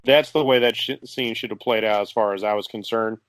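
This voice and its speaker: A man's voice: on the low side, fairly even intonation, brisk, no room sound. A man co-hosting a podcast, chatting casually in a rambling, filler-heavy way. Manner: rambling, lots of fillers, laughs easily. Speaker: podcast co-host. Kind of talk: casual chat.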